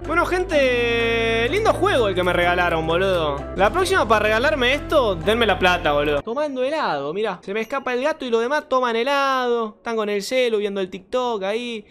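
Young Argentine streamer, high-pitched, loose slangy let's-play banter, light music underneath. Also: male voice, very animated, a little fast, few pauses. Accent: Argentine Spanish. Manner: slangy, swears and says boludo often. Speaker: gaming streamer. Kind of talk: casual let's-play commentary.

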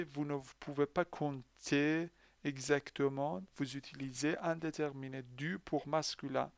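A man with a fairly high, clean voice and no echo teaches a French lesson to Persian-speaking learners. He is patient, putting questions to the class and then answering them himself.

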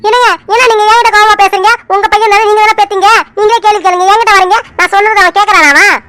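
A woman's voice: very high-pitched, fairly even intonation, rapid-fire, pushed and bright, no room sound. A woman as an anxious cartoon wife. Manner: pleading questions, defensive. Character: anxious defensive middle-aged wife.

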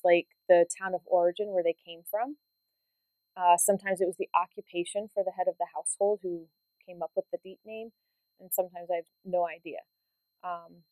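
A woman of middle pitch hosts a genealogy show, talking in a relaxed, chatty way and pausing often with ums. The sound is dry and close, with no room echo. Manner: relaxed explaining with frequent ums. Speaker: genealogy channel host. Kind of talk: casual educational talk to camera.

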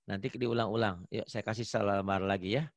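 A man from Indonesia teaching Quran reading in an online lesson, patiently correcting his student and modelling slow, drawn-out recitation. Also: lowish voice, fairly even intonation, dry recording. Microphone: online call.

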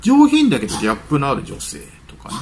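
Gravelly, lively-voiced man musing on news. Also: mid-range voice, fast talker, slight background noise. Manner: reads news items aloud, then muses with chatty asides. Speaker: channel host. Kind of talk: casual commentary on celebrity news.

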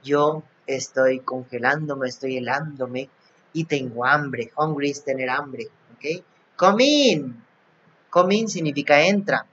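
Slow-talking male English teacher, dull sound. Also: medium pitch, fairly bright tone. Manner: repeats and translates each English phrase. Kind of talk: recorded class for young pupils. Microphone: recording app, device not seen. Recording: dull lo-fi app recording.

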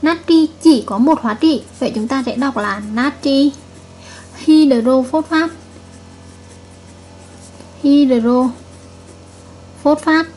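A woman's voice: high-pitched, brisk, hardly any pauses, a little mellow, a little hiss or hum. A woman chemistry teacher giving a recorded video lesson, patiently repeating each point and checking with her students.

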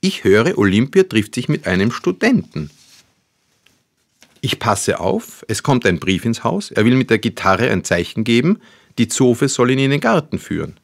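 A man voicing a hot-headed, self-righteous youngest brother who talks excitedly and insistently. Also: deep voice, measured pace, dry recording. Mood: eager, accusing.

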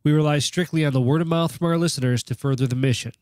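A man's voice: a little high, fast talker, darkish tone, no echo, studio quality. A man hosting a podcast while sick, his voice nasal, with a joking, self-deprecating manner. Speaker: podcast host. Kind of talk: podcast intro.

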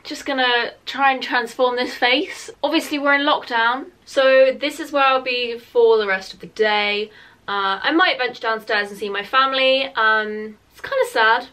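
Speaking at normal speed in a fairly high, sharp, clean-toned voice, this twenty-year-old vlogger with a British accent does an informal get-ready-with-me chat to camera, leaning heavily on "like". She's indoors in a small room at home, with the camera roughly a metre off.

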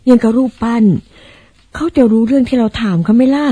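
High-pitched fussy mother, old radio drama style played by an actress. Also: steady tone, brisk, dark tone, close to an everyday voice. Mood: puzzled. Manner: exclamatory, wondering aloud. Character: fussy, excitable mother, easily startled and grumbling.

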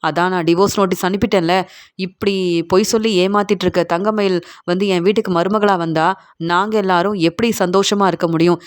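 A woman's voice: mid-range voice, steady tone, a little fast, lightly acted. Woman reading as an angry young husband. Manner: indignant, accusing. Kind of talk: retelling a TV serial scene.

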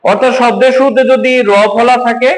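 Male teacher with a high voice, patient step-by-step explainer; echoey classroom sound. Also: steady tone, a little fast, a little hiss or hum. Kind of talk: classroom lesson.

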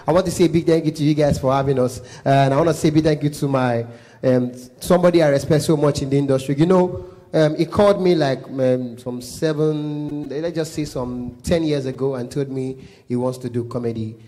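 A man with a Nigerian accent doing live stand-up comedy, animated, slipping into Pidgin and Yoruba and loud put-on voices. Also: on the high side, brisk. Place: live comedy show venue.

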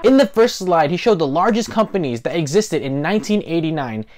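A man in his twenties with a fairly high, animated, darkish voice speaks briskly as host of an investing explainer channel. He talks casually to camera from a small indoor living room on a lapel mic, stressing key words.

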